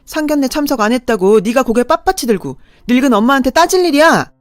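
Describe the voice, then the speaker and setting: A woman voicing an aging mother who nags and scolds her daughter in a sharp, raised voice. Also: sits high, lively intonation, fast, dry recording, studio quality, soft background music, pitched above the performer's own voice. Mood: scolding. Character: aging mother, shrill, scolding and self-pitying.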